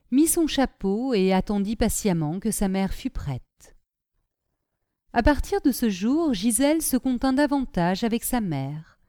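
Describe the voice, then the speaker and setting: A woman narrating an audiobook in an expressive storytelling manner. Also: medium pitch, dry recording, clean studio sound.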